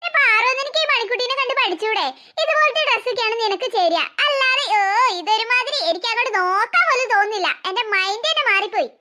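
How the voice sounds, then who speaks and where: A woman voicing a smooth-talking teenage boy in a cartoon who flatters one girl and teases another. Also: very high-pitched, quick pace, very noisy. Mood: flattering. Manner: teasing, flattering.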